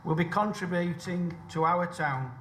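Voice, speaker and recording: A man's voice: high voice, unhurried, fairly bright tone. A man giving a formal ceremonial speech with emphatic phrasing in an echoey room. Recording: echoey room, faint noise.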